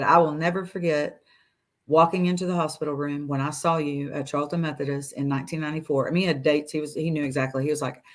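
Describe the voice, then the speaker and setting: Speaking from a room in her home over a video call, a low-pitched woman in her forties shares her story as a guest. Her delivery is casual and lively; she acts out what her doctors said and laughs between phrases.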